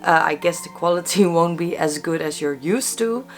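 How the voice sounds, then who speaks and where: A woman's voice: on the low side, moderate pace. A woman whose first language is Dutch, sounding stuffy from a cold, narrating a true crime case dramatically and then chatting casually as host.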